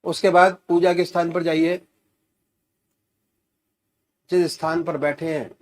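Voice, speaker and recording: Slow, gentle spiritual teacher. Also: male voice, on the high side, little pitch movement. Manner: slow, gentle, soothing guidance with rising emphasis. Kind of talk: guided meditation instruction.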